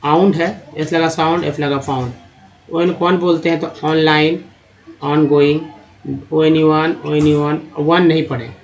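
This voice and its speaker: A man's voice: on the high side, flat delivery, a little slow. A man teaching how to read English, spelling out letters and sounding out words, and calling his viewers friends. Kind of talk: spoken phonics lesson. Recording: dull lo-fi voice recording.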